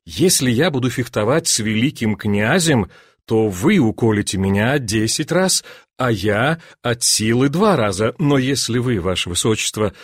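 A man's voice: medium pitch, lively intonation, no room sound, clean studio sound, pitched below the performer's own voice, close to an everyday voice. A man reading an audiobook and voicing a polite, composed fencing master who answers with deference. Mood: deferential. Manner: deferential, measured.

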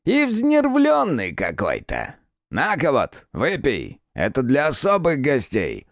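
A man voicing a fat, wheezing, crafty old innkeeper in an audiobook, gruff and mocking. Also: medium pitch, huge pitch swings, takes it slowly, no echo, studio quality, pitched above the performer's own voice, heavily acted. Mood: sly. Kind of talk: audiobook character voice.

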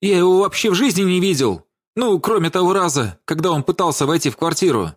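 A man's voice: mid-range voice, animated, measured pace, dry recording, clean studio sound. A man reading an audiobook and voicing a cowardly young man who pleads and stammers in a bleating tone. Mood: flustered.

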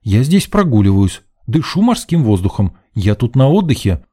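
A man's voice: mid-range voice, big pitch swings, normal speed, dark tone, husky. A man playing a flustered young student journalist. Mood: defensive. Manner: flustered, defensive, stammering. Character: nervous, indignant young male journalism student.

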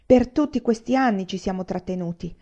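A woman's voice: mid-range voice, a little fast, mellow, lightly acted. A woman reading a novel aloud and voicing an angry, accusing husband who argues in raised, insistent outbursts. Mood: heated. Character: angry, accusing Chinese husband, adult man. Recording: slightly dull lo-fi recording.

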